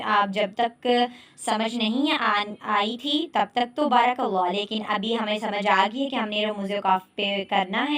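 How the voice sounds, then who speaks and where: A woman's voice: mid-range voice, fairly bright tone. A woman with a Pakistani Urdu accent teaching a recorded lesson on Quran recitation, explaining step by step and often checking that her students follow. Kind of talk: online lecture.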